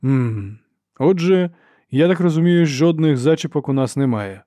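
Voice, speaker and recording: A man's voice: fairly high pitch, lively intonation, moderate pace, mellow, no room sound, voice pushed up, lightly acted. A man voicing a stern old male churchman who speaks in dry, clipped questions. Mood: cold, impatient. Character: old stern male archlector, cold and imperious.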